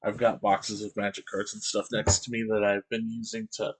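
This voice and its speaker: A man's voice: fairly low pitch, level tone, moderate pace, husky, rough recording. A man chatting casually on a morning stream, rambling and hesitant with many fillers, a bit sleepy. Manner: rambling, hesitant, lots of ums and restarts. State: sleepy, yawning. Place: indoors, at home beside boxes of cards.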